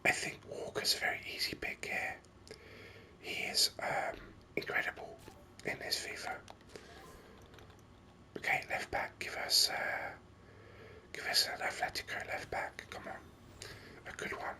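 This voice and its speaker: A gaming host whispers ASMR commentary close to the mic, breathy and musing, in an unhurried, hesitant way. The tone comes across bright and forceful.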